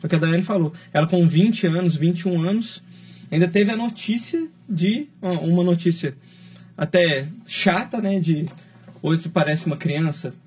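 A Brazilian man with a slightly raised pitch hosts a podcast, friendly and quick to laugh. He explains things earnestly in a casual conversational way. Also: a little mellow. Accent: Brazilian Portuguese. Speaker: plastic surgeon host.

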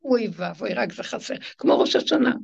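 Gravelly woman teaching a spiritual class. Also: animated. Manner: emphatic, acts out the people in her stories with sudden high swings. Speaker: religious teacher leading women's classes. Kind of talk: spiritual lecture with retold stories. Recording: dull lo-fi recording.

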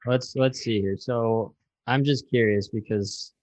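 A man's voice: medium pitch, fairly even intonation, unhurried, a little mellow. An American man interviewing a guest in casual chat, chiming in with agreeable, teasing remarks.

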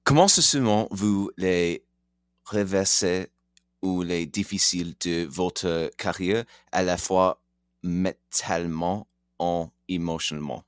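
A man, a podcast host conducting an interview in halting, French. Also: low-pitched, smooth, no echo, clean studio sound. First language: English. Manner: halting, non-native French with a foreign accent.

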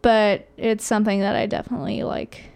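A woman's voice: mid-range voice, level tone, vocal fry, a little mellow, clear, resonant tone. A young woman, a college student, chatting casually and rambling with lots of fillers. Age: young adult. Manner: fast rambling with many fillers. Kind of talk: casual chat.

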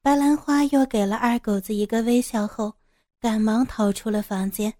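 A woman narrating a serialized audio story with a calm, steady, descriptive reading. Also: a little high, moderate pace, no echo, studio quality.

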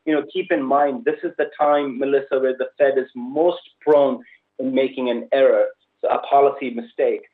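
A male guest strategist speaks over a narrow, phone-like connection. His pitch is average. He gives unscripted, analytical commentary, working through his points with halting pauses. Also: fairly even intonation. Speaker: investment strategist, podcast guest.

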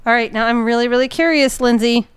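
A chatty podcast co-host with a smooth, clear voice pitched a little high. She sounds curious and laughs easily, and the recording is dry and close. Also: fast talker, no room sound. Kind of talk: casual chat.

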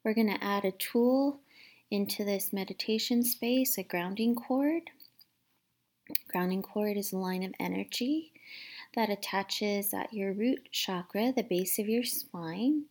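A woman leading a guided meditation in a soft, soothing, unhurried manner, with long pauses between instructions. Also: medium pitch. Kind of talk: guided meditation, instructing listeners to relax and breathe.

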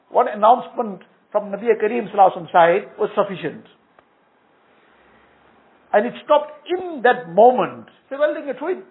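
A man's voice: high-pitched, gravelly. A man giving an earnest storytelling sermon, with Arabic phrases woven into his talk. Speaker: Islamic preacher. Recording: tinny phone-like sound.

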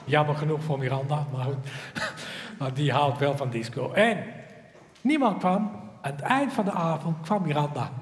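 A man telling a personal story in slightly broken Dutch, animated and expressive. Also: fairly high pitch, normal speed. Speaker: speaker giving a personal testimony. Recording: echoey hall with long reverb.

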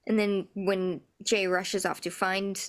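A woman's voice: mid-range voice, little pitch movement, slow. A woman co-hosting a podcast, recapping a TV episode in easygoing chat and laughing often. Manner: easygoing, laughs often, many "like" and "you know". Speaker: podcast co-host.

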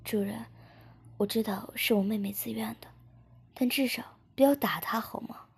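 A frightened young woman begs and pleads, as a woman reading the story puts her on. Her voice is breathy and husky and often drops to a half-whisper. The delivery stays soft and desperate. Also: on the high side, normal speed, pitched above the performer's own voice. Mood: pleading.

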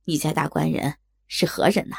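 A woman voicing gruff, brusque common men who work as tavern waiters, in a low gravelly put-on voice. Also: fairly even intonation, moderate pace, dry recording, clean studio sound, full character voice. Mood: helpful. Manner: brusque, offhand. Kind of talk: storytelling voice acting.

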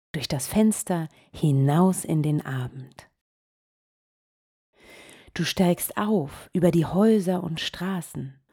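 This meditation podcast host has a low, mellow, breathy voice as she guides listeners through a meditation. She speaks very slowly and softly, often sinking into a near whisper.

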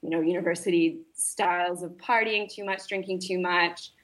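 A woman's voice: fairly low pitch, steady tone, normal speed, a bit bright. A young woman, a nutritionist guest, telling her personal story earnestly with many fillers and restarts. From grew up internationally, partly in Malaysia. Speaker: podcast guest, holistic nutritionist.

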